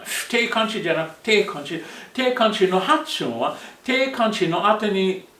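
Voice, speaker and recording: A man, a non-native speaker whose first language is Arabic, teaching a language lesson and slowly repeating phrases with frequent self-corrections. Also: a little high, fairly bright tone. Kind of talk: slow, repetitive language lesson, mixing English and Japanese. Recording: echoey room, voice far from the mic.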